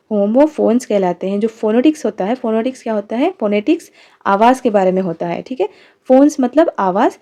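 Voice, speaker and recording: A woman with a fairly high but dark, mellow voice teaches grammar for an exam. Her English carries an Indian accent, and she reads example sentences slowly before asking and answering her own questions. She keeps repeating key terms and checking in with her listeners. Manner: repeats key terms, punctuated by "theek hai". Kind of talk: exam-prep grammar lesson.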